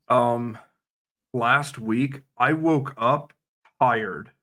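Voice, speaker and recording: A man's voice: mid-range voice, bright, forceful tone. A man co-hosting a casual gaming livestream, dry and teasing, his speech full of fillers like "like". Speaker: co-host.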